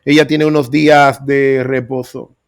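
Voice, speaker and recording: A man's voice: medium pitch, level tone, a little slow. A middle-aged man preaching, telling his own story with earnest emphasis. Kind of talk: sermon testimony.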